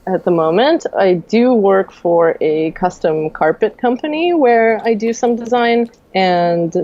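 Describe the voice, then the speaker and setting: A young Russian woman who works as a game designer chats casually in a podcast interview, relaxed and soft-spoken with many fillers and small laughs. Her voice is mid-range and her pace measured. The sound quality is lo-fi.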